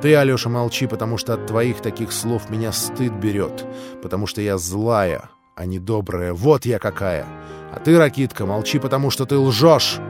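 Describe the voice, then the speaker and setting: A man reading an audiobook voices a lively, capricious young woman who teases playfully and flares up fiercely. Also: fairly low pitch, moderate pace, music in the background, lightly acted. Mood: vehement. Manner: playful, teasing, then vehement.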